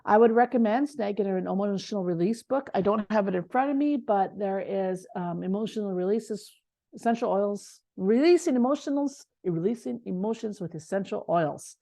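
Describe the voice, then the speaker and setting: A woman leads a casual online class in a soft, mellow voice. She talks with passion and runs on, often tripping over her words and starting again. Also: mid-range voice, moderate pace, creaky. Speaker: essential oils class co-teacher.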